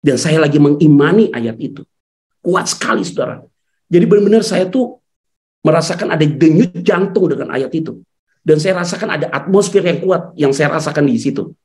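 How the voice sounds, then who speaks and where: A man preaching a storytelling sermon as a pastor at a church service. He talks emotionally, swings from loud outbursts to hushed tones, drops into casual slang and keeps addressing the congregation directly. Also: fairly high pitch, lively intonation, moderate pace.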